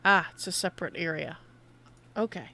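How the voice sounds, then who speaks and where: A woman's voice: on the low side, moderate pace, gravelly, sharp tone. A woman streaming a game, giving casual live commentary and often muttering to herself.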